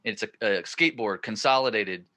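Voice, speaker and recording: Male podcast host, 40s, bright, energetic, rambling storyteller. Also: fairly low pitch, fairly quick. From northern California. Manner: excited, rambling storyteller who gets louder at the punchlines. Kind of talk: casual storytelling chat.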